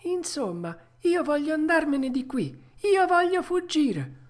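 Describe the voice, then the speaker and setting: A woman voicing a frightened, whiny wooden puppet boy, reading a storybook aloud in a shrill, tearful manner. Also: big pitch swings, a little slow, a little mellow. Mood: anxious.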